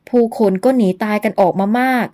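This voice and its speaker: A woman narrator voices a young male herbal doctor in an audio novel, who is earnest and worried. He speaks in a measured, gently pleading way, his voice mellow, warm, and close to an everyday voice.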